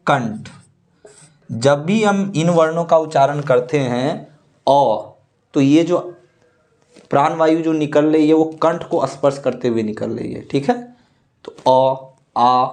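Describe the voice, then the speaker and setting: A man teaching a grammar lesson for board exams, slowly explaining each point and drawing out the rules he recites. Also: fairly high pitch, darkish tone. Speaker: Sanskrit teacher. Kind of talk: board-exam grammar lecture.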